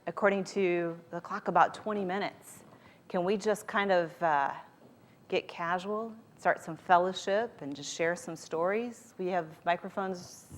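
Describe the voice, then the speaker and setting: A woman giving a motivational talk to a live audience, speaking informally and directly, coaxing her listeners. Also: mid-range voice. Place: speaking live at a group event.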